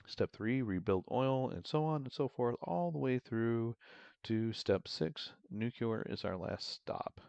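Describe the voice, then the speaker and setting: A man doing a measured, announcer-like narrator voice as he reads advice aloud. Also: medium pitch, animated, gravelly, darkish tone, dry recording, muffled recording. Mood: narrating. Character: steady male narrator reading advice.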